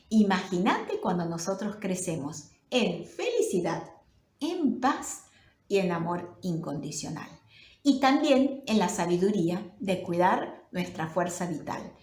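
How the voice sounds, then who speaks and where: Rioplatense woman pastor, lively swooping delivery, roomy echo on the recording. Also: mid-range voice, a little slow. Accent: Rioplatense Spanish. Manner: warm, animated storytelling with sudden excited bursts. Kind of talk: sermon.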